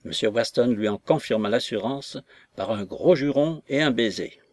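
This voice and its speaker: A man reading a classic novel aloud as narrator, in a measured, literary manner. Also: medium pitch, lively intonation, no echo.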